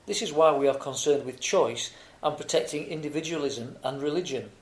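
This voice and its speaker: A man's voice: on the high side, brisk, natural voice. A man playing an earnest, formal debater in a scripted, argumentative exam discussion. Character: earnest male debater arguing against animal rights. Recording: roomy, echoing sound.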